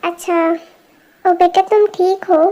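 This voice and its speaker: Woman voicing a fussing middle-aged mother, fan dub, anxious, very high voice. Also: steady tone, slow, mellow. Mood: motherly. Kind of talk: amateur Hindi fan dub.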